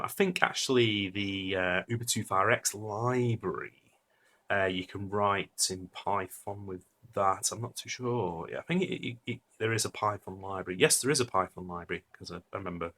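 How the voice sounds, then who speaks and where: A man's voice: sits low, fairly even intonation, normal speed, sharp tone, a little hiss or hum. A man giving a casual, rambling technical monologue debunking a conspiracy video, blunt and scornful, with many fillers. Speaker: debunking commentator.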